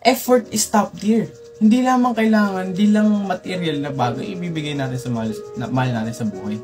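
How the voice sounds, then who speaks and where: A man's voice: expressive, quick pace, over music. Playful man giving a mock lecture. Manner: playful, lecturing, jumps up in pitch for emphasis. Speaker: tutorial host.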